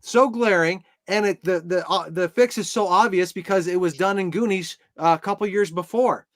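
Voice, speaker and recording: High-voiced man with wry jokes. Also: moderate pace, no echo. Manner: wry, dry jokes, retells scenes. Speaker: podcast co-host. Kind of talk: casual podcast chat.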